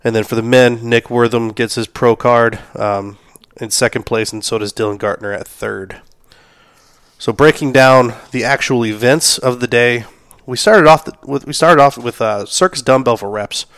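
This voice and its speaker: A man's voice: medium pitch, steady tone, moderate pace, clear, resonant tone, dry recording, clean studio sound. A man hosting a solo podcast recap, sick and losing his voice, talking casually with many fillers and the odd cough. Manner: casual, lots of fillers, shout-outs. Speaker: podcast host.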